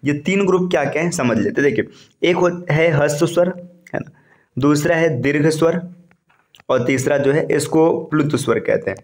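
A man teaching a slide-based grammar lesson for exam students, patiently repeating key terms and slowing down to say each vowel sound. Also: fairly high pitch. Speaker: Hindi teacher for exam preparation.

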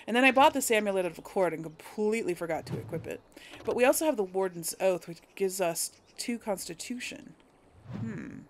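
With a medium-pitched, animated voice and brisk pace, a gaming video host offers casual let's play commentary, talking to viewers and thinking aloud as she plays. Video game ambience and effects play in the background, and there's a little hiss or hum.

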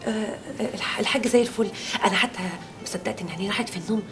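An actress playing a coy, teasing young nurse with an Egyptian Arabic accent, in a TV drama. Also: female voice, mid-range voice, very fast, background noise, lightly acted.

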